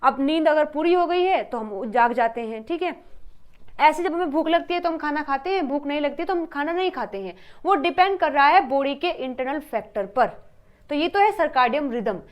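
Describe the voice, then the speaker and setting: A woman giving an exam-prep lecture, asking questions and then answering them herself, and repeating her key points. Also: high-pitched. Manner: mixes English terms into Hindi explanation. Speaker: teacher.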